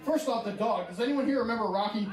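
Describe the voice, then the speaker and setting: Higher-voiced male stand-up comic. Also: fast talker, very noisy. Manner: self-deprecating and conversational. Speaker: stand-up comedian. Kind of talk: stand-up storytelling. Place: stage before a live audience. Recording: echoey room with a far-off mic and a laughing crowd.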